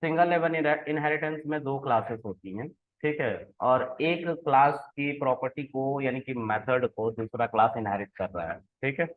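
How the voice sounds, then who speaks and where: A man teaching programming in a relaxed way, explaining code step by step and often checking that the listener follows. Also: mid-range voice, normal speed. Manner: conversational, keeps checking in with the listener. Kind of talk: explaining code while typing. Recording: tinny phone-like sound.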